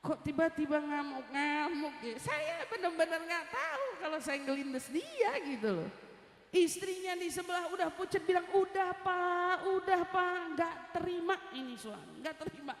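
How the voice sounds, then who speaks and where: A woman preacher giving a sermon to a women's study group, telling a story in a lively way and often asking her listeners questions. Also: high voice, moderate pace. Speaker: Islamic preacher. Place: mosque study gathering hall. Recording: echoey, reverberant hall.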